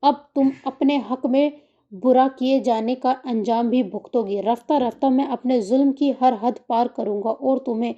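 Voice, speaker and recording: A woman's voice: high voice, dull audio, lightly acted. A woman reading the lines of a brooding, vengeful young man who makes clipped, menacing threats, in an audiobook story. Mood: bitter.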